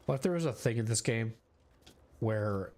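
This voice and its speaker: Streaming a video game, a young man talks casually into a desk mic with a mid-range, slightly mellow voice at normal speed. He's animated but rambling, and his gameplay commentary is thick with filler words.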